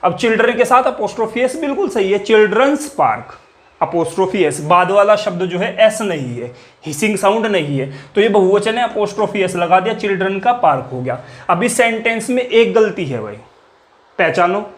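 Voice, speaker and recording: This classroom grammar lecture comes from a man whose high-pitched voice is expressive and moves at normal speed. He teaches English by asking questions and answering them himself, lowering his voice for each answer, and keeps repeating the key words.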